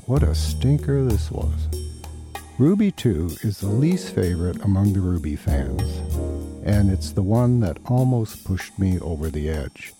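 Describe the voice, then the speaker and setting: A man's voice: deep voice, sing-song, a little slow. A man narrating a scripted podcast as its host, in a wry, self-deprecating storytelling manner. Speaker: podcast host and series writer-producer. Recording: music behind the voice.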